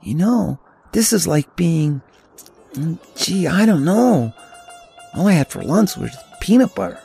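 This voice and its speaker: A man putting on an excitable teenage boy. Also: a little high, unhurried, creaky, breathy edge, voice pushed up, full character voice. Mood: rambling. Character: eager chatty teenage boy hiker.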